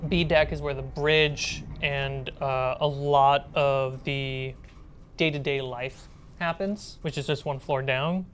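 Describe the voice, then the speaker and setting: A woman acting as game master runs a tabletop game, explaining and narrating in a casual, improvised style. Her deep bass voice stays steady and slow, while loud background music and slight noise play behind her.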